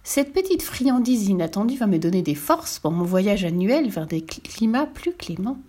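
A woman's voice: medium pitch, sing-song, normal speed, mellow, husky. A woman voicing a greedy, scheming stork with a smug, self-satisfied way of talking.

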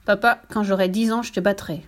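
A woman voicing a lively, boastful little girl who is very strong, in a storybook reading. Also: mid-range voice, fairly quick, lightly acted. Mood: excited. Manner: excited, exclamatory.

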